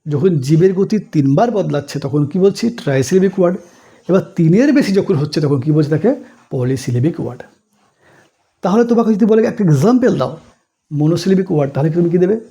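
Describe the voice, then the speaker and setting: A male teacher works through a grammar lesson in a slightly high yet mellow, dark-toned voice. He explains slowly and patiently, asks the class questions and answers them himself. He recaps each point as a repeated list. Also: lively intonation. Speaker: English teacher.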